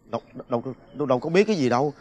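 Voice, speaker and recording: A man's voice: mid-range voice, animated, rapid-fire, darkish tone, close to an everyday voice. An actor playing a neighbor man who stammers and dodges questions. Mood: evasive. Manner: evasive, stammering. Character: evasive middle-aged neighbor man, fumbling excuses. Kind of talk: comedy drama acting.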